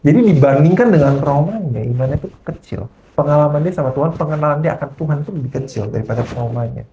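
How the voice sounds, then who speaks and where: Man, preacher, church sermon, animated storytelling, mixes in English, checks in with listeners, faint background hiss. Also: on the high side, fast talker, lo-fi sound. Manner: keeps checking in with the congregation. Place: church service.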